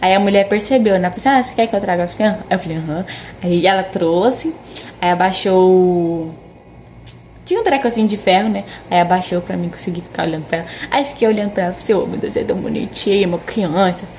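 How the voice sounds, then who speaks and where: A woman's voice: on the low side, fast, a little hiss or hum. Chatty woman telling a story. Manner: animated, acts out quoted dialogue, frequent tag questions. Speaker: vlogger. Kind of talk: casual storytelling to camera.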